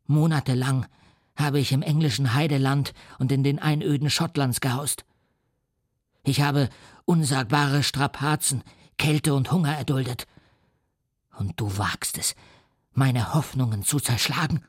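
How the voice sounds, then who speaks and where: A man's voice: mid-range voice, unhurried, pauses often, dry recording, clean studio sound, close to an everyday voice. A man voicing the monster, choked and vengeful. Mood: reproachful. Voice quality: choked, menacing. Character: lonely embittered male creature, vengeful, wronged. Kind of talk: audiobook reading.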